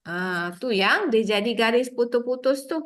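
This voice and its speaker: A woman's voice: a little high, normal speed. A woman with a Malaysian Malay accent teaching a tajweed class, explaining sounds patiently step by step. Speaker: Quran recitation teacher. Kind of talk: online tajweed lesson.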